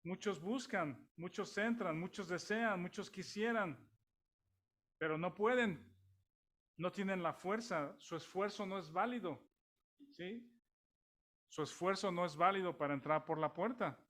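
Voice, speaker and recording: A man's voice: sits high, measured pace, a bit bright. A man with a Mexican accent preaching a sermon in a conversational way, with many restarts and rhetorical questions to the congregation.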